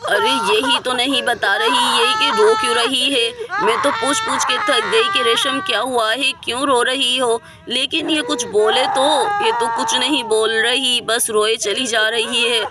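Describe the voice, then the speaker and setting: A woman's voice: on the high side, expressive, measured pace, few pauses, heavy background noise. A woman voicing a worried middle-aged mother in a doll story who keeps asking anxious, pleading questions. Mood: distraught.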